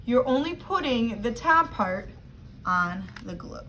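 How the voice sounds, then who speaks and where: High-pitched woman teacher instructing young children. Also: sing-song, slow, sharp tone. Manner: simple, instructive, addressing children directly. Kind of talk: step-by-step craft instruction for children. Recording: clear background noise.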